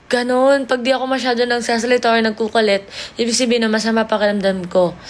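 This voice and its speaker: A woman's voice: on the high side, little pitch movement, fast talker. A young woman from the Philippines chatting casually with viewers on a phone livestream, playful and giggly, mixing English into her talk. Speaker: idol group member livestreaming.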